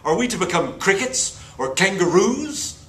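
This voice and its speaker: A man's voice: sits high, big pitch swings, measured pace, a bit bright, exaggerated voice. A man playing a pompous, square 1960s TV news anchor in an earnest, stumbling parody newscast. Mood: indignant. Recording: echoey room with faint noise.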